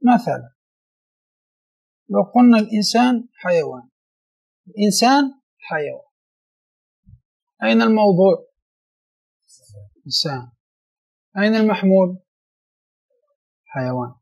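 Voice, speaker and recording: A man's voice: sits high, sing-song, unhurried, creaky, long pauses, a little mellow, slightly rough. A man teaching a logic class to a small group of students, explaining a text patiently and often checking that they understood. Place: small room with a few students.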